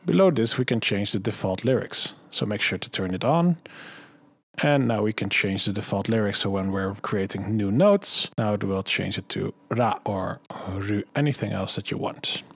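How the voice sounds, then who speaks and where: A man narrating a software tutorial voice-over, calmly walking through each click and setting step by step. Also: fairly low pitch, normal speed, breathy edge, no echo. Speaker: tutorial host.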